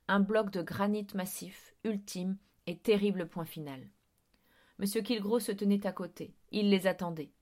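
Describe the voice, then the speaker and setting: A woman reads a spooky story aloud at a steady, measured pace. She keeps her voice low-key and suspenseful. Her pitch sits in the middle range. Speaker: audiobook narrator. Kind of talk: storybook narration.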